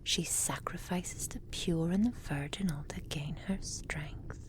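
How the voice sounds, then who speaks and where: In an intimate ASMR roleplay, a woman with a low-pitched voice plays a proud immortal witch pining in love, brooding and bitter. She speaks softly and breathily, often whispering, in formal and deliberate phrases.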